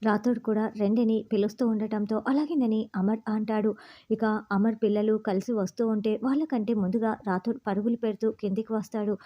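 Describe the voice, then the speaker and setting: A woman's voice: medium pitch, fairly even intonation, brisk. A woman narrating a TV serial recap, retelling scenes and quoting each character's lines. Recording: dull lo-fi sound.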